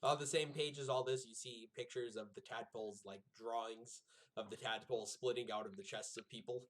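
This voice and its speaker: A man narrating as game master of a tabletop game in a relaxed, casual way. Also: medium pitch, fairly quick.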